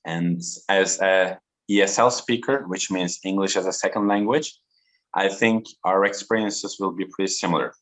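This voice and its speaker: A man in his thirties from Turkey, a native Turkish speaker giving an online talk to students slowly and deliberately over a video call. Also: low-pitched, steady tone, fairly bright tone. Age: 30s. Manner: slow, deliberate and interactive.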